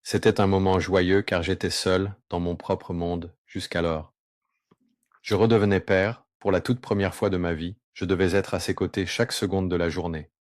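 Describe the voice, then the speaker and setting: A man with his voice pitched down very deep. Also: steady tone, no echo, studio quality. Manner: earnest, remorseful, with pauses and slow stretches. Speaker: person giving a personal testimony. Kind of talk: confessional first-person testimony.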